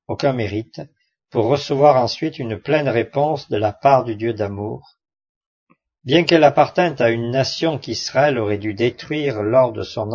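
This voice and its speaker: A man's voice: medium pitch, darkish tone. Earnest man reading a Bible study. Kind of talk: devotional commentary read aloud. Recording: muffled lo-fi recording.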